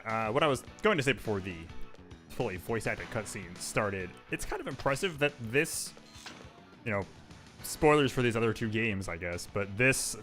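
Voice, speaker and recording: A man's voice: mid-range voice, bright, forceful tone. A man commentating on a video game playthrough in a casual, wry way.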